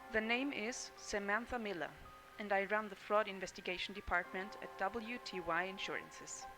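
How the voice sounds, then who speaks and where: A young adult actress with a natural, medium-pitched voice plays a cool, ambitious young head of insurance fraud. Over music, she narrates a game's intro in a cynical, matter-of-fact tone, and the recording quality is low.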